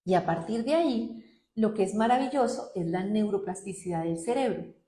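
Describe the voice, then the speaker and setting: A middle-aged woman, speaking conversationally as a guest about calming the mind, lively and acting out quoted voices. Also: normal speed, roomy sound. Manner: animated, acts out quoted voices with high-pitched outbursts. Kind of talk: conversational talk.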